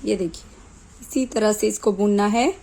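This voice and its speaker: A woman with a sore throat teaching knitting step by step, calmly counting stitches aloud one at a time. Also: medium pitch, normal speed, rough recording. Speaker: knitting tutor. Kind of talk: slow step-by-step craft tutorial.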